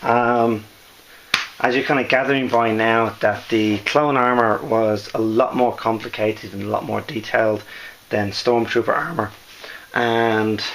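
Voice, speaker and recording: Hoarse, low-voiced man explaining his handiwork. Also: slight background noise, low-quality recording. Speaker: costume maker presenting a build. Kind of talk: casual explanatory show-and-tell.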